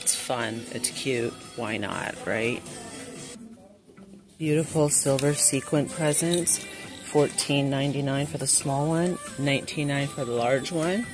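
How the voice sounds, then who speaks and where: A woman filming a shop-with-me vlog in a large store on a handheld phone, chatting excitably and reading prices aloud. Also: rumbling low, a little slow, over music. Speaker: vlogger. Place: large indoor retail store. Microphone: handheld phone camera.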